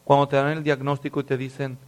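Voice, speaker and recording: A man preaching a sermon, telling stories with lively acted voices and dropping to hushed, serious tones. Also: medium pitch, fast. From Mexico. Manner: animated storytelling, acts out voices, drops to hushed tones. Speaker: pastor.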